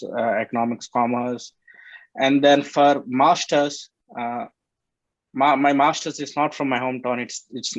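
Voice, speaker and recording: Halting Indian man on a muffled call. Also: mid-range voice, dry recording. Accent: Indian English. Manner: halting, many fillers and restarts. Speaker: club member giving a self-introduction. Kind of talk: virtual club meeting talk.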